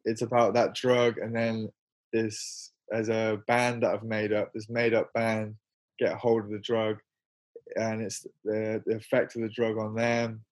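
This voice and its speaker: A man's voice: fairly low pitch, monotone, a little slow. A young man chatting as an interview guest, rambling and self-mocking, laughing often as he talks. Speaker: interview guest, musician and filmmaker. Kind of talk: casual interview chat.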